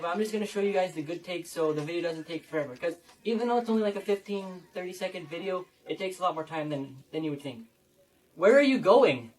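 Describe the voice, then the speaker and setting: A young man, a TikTok creator, doing quick playful comedy skits and storytime narration. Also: high voice, a little mellow, far from the mic, rough recording. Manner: quick, playful, acts out both sides of skits.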